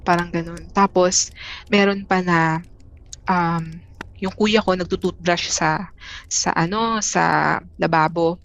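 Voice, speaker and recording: A woman from the Philippines, a guest telling a personal story in a casual, halting way, with many restarts and fillers. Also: fairly low pitch, fairly even intonation, vocal fry. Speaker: interview guest.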